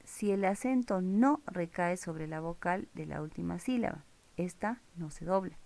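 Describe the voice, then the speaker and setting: Woman, lower voice, teacher, recorded grammar lesson, checks in with "¿ya?". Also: a little slow, vocal fry, a little mellow. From Peru. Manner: explains step by step, with check-ins like "¿ya?" and "¿sí?". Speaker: English teacher.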